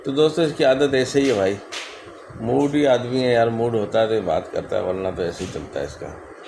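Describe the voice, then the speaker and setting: A man's voice: medium pitch, normal speed, gravelly, noisy background. A man vlogging about his pet birds, coaxing them with repeated calls and baby talk while chatting to his viewers. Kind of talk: casual pet vlog, talking to viewers. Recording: echoey room with loud bird chatter. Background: birds calling.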